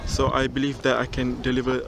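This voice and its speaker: A man's voice: mid-range voice, a little fast. Young man chatting outdoors, noisy. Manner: relaxed, chatty, frequent ums and restarts. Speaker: job applicant. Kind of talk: self-recorded video cover letter. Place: outdoors on a mountain top. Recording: outdoor recording with clear background noise.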